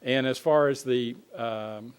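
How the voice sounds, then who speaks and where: A man giving an informal spoken report at a city council meeting, pausing often on fillers and restarting phrases. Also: mid-range voice, smooth. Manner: halting, frequent uh fillers and restarts. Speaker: city staff presenting a construction update to council.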